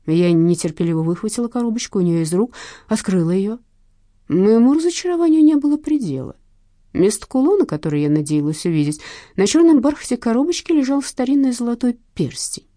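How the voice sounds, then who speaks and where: Woman audiobook narrator: brisk, ironic, dark-toned, expressive. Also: a little high, dry recording, studio quality. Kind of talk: first-person audiobook narration.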